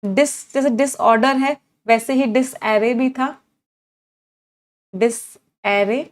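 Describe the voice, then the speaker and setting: A woman's voice: high voice, steady tone, measured pace. A woman teaching an online English vocabulary class, repeating her cues and asking her students questions. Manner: drills words aloud with repeated cues, asks students questions.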